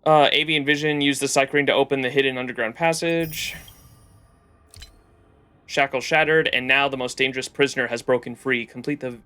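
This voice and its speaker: A young man livestreaming a game, excitable and joking, swearing now and then and reading quest text aloud over faint music. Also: mid-range voice, a little fast, clear, resonant tone. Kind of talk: casual gameplay commentary.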